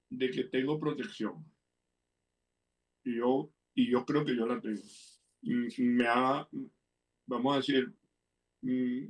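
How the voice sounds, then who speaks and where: A man's voice: medium pitch, recorded from a distance. An older man with a Venezuelan accent, a guest telling personal anecdotes in a playful way, acting out the voices of the people in his stories. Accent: Venezuelan Spanish. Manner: playful storyteller, acts out quoted voices. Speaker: guest, interviewer's father. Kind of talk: anecdotal storytelling.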